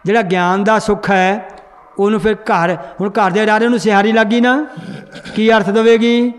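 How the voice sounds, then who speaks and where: A man's voice: high-pitched, little pitch movement, moderate pace. A man teaching a recitation class in a large hall, quizzing the students and correcting how they read. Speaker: scripture pronunciation teacher. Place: large hall with a seated congregation. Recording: long hall reverb.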